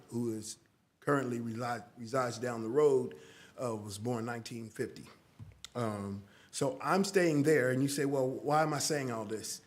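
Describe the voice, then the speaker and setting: Male, 50s, local resident giving public comment, hesitant, plain middle voice. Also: medium pitch. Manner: halting, with many restarts. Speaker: resident addressing the council. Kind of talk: public comment at a city council meeting. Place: council chamber.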